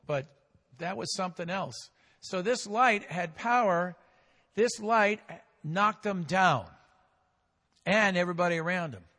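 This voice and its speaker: A man's voice, a touch higher than most, carries a pastor's sermon through a big hall's long reverb. He leads call-and-response with the congregation, climbing loud before falling to a hush, and stretches his key phrases out.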